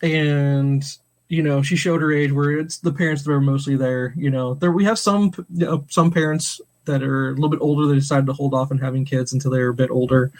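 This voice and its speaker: A podcast co-host from St. Louis, USA, a man in his forties, keeps the chat casual with rambling anecdotes, plenty of laughs, and acted-out quotes. He speaks a little fast in a steady, mid-range voice.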